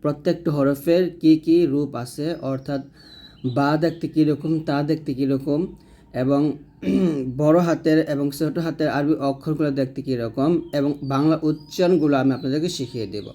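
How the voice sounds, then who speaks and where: A man teaching Arabic letter pronunciation, patiently repeating each sound slowly for learners to copy. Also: on the high side, fairly even intonation, warm tone. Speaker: Quran reading teacher. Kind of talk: step-by-step pronunciation lesson.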